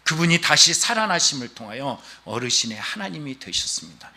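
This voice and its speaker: A male pastor delivers a Sunday sermon in an animated storytelling way, acting out the people he describes. His pitch sits a little high and moves a great deal. His tone is strikingly bright and ringing. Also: fairly quick. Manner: animated storytelling preaching, acting out quoted voices.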